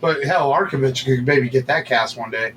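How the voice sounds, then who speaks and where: A man's voice: medium pitch, a little fast, crowd noise, rough recording. A man co-hosting a casual podcast chat, rambling with many fillers and restarts. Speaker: podcast co-host.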